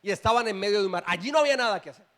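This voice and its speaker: High-voiced man preaching a sermon. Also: animated, rapid-fire, fairly bright tone. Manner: preaching with rising emphatic bursts and asides to the congregation. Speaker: pastor. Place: church.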